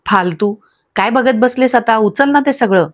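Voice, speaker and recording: A woman's voice: fairly high pitch, moderate pace, lightly acted. A woman voicing a short-tempered, domineering husband who scolds and insults his wife, in a dull lo-fi recording. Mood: angry scolding.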